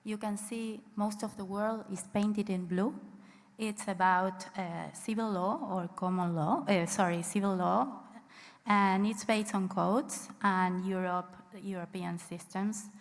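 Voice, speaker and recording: A woman's voice: medium pitch, steady tone, a little slow. A woman from Argentina giving a conference presentation in a friendly, explanatory way. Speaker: panel speaker. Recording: long reverb of a hall.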